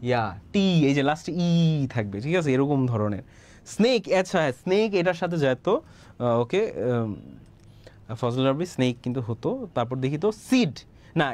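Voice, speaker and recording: A man with a Bangladeshi accent leads a live online English lesson, speaking a little higher than most men. He reads out student answers in an encouraging way, repeats each word and keeps checking that the class is following. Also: a little mellow. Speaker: English teacher.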